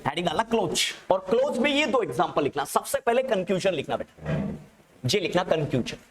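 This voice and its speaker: Male teacher dictating slowly to a class. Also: high-pitched, big pitch swings, slight background noise. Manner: repeats terms slowly for students to write down; keeps checking that students have understood. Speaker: nursing exam teacher.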